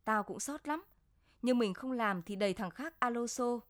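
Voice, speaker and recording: A shrewd, gruff middle-aged village trader speaks plainly in this story, voiced by a woman reader. His talk is brusque and matter-of-fact, a touch high in pitch. The sound is dry and close, with no room around it. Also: moderate pace, dry recording, lightly acted. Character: blunt middle-aged rural man, shrewd grain trader.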